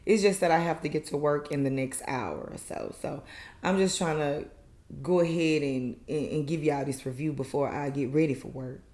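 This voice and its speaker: A woman's voice: low-pitched, moderate pace, darkish tone. Chatty woman recapping in an echoey room. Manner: chatty, colloquial, many fillers. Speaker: reality TV recap host. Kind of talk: casual recap review.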